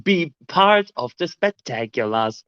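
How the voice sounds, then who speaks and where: A man co-hosting a podcast in casual chat, making playful deadpan jokes. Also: mid-range voice, unhurried, smooth, no echo. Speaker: podcast co-host. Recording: dull, lo-fi mic.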